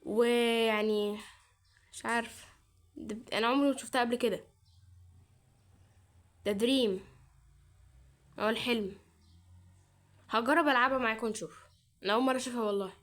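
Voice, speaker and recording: A woman's voice: a little high, fairly even intonation, fairly quick, pauses often, fairly bright tone. A young woman with an Egyptian Arabic accent, chatting and thinking aloud as she plays a horror game, with startled exclamations. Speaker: gaming channel host. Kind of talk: let's-play commentary.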